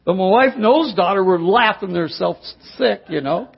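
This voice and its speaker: A man's voice: sits high, expressive, moderate pace, gravelly, breathy edge. A middle-aged man preaching a sermon, telling a homespun story and building to fervent exhortation. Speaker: pastor. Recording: dull lo-fi sound.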